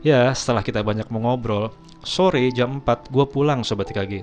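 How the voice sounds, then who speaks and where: A man's voice: medium pitch, a little fast, a little mellow, faint music behind. A man casually telling a personal story, chatty, keeps addressing his viewers. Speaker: storyteller host.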